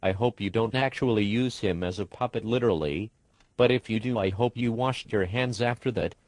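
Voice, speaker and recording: A man's voice: lowish voice, fairly quick, darkish tone, no room sound, lightly acted. A computer-generated man's voice playing a prim talk show host who speaks formally and keeps apologizing. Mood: exasperated.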